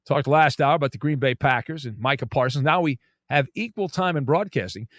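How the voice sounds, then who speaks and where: A man hosting a sports talk show, joking and animated, often repeating words as he starts a thought. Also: medium pitch, fairly quick, no echo, studio quality. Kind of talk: casual sports talk commentary.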